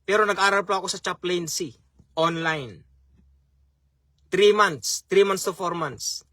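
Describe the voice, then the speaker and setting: A man's voice: high-pitched, measured pace, sharp tone, dry recording. A man preaching a sermon as a chaplain, speaking earnestly, repeating key phrases and often calling his listeners brothers and sisters.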